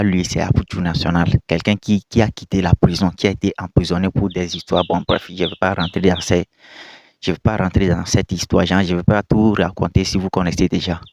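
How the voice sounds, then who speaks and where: With a little hiss or hum on the recording, a low-voiced young video commentator talks casually to viewers. French isn't his native language, and he repeats himself emphatically, firing off scolding rhetorical questions.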